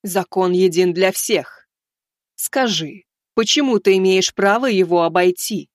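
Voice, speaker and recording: A towering divine judge with a raised, otherworldly voice, handing down slow and unbending verdicts, as a man puts her on. She is cold and commanding, and the sound is dry. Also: sits high, no room sound, pitched above the performer's own voice. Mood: stern. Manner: slow, measured, commanding pronouncements.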